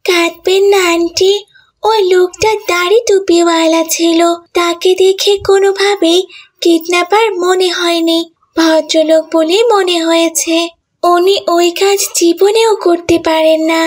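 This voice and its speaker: A woman's voice: very high-pitched, steady tone, unhurried. A woman voicing a polite little cartoon girl. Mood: earnest. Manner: polite, earnest. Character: young schoolgirl, polite and confident.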